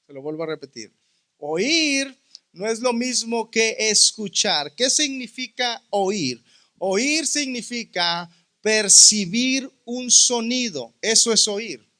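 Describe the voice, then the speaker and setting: A man preaching a sermon as a pastor, teaching with rhetorical questions and drawing out key words slowly. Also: high voice, pushed and bright. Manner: asks the listeners rhetorical questions.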